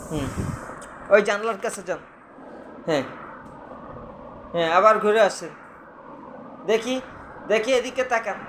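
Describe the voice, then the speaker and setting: A man's voice: high voice, animated, measured pace, long pauses, noisy background. A man at home talking to his toddler in coaxing, sing-song baby talk, full of playful exclamations. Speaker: father filming his toddler. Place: at home indoors.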